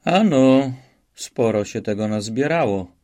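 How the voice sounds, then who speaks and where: A man's voice: medium pitch, lively intonation, a little slow, dark tone, natural voice. A man voicing a naive, cheerful soldier who talks earnestly and rambles politely in an audiobook. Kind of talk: audiobook reading.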